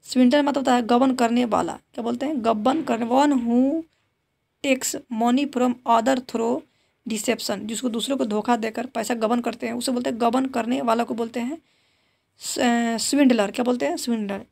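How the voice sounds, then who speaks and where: A woman's voice: fairly high pitch, fairly even intonation, moderate pace, vocal fry, a little mellow. A woman teaching exam vocabulary, explaining each word in Hindi, reading its English definition and repeating it with a drilling question.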